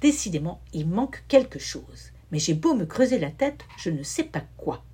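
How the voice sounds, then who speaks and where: A cranky, muttering wicked wizard from a children's storybook, put on by a woman reading aloud. He grumbles and fires off silly oaths in a lowered, husky voice that swings up and down. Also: sing-song, moderate pace, mellow, heavily acted. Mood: grumbling. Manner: muttering, exclaiming comic oaths.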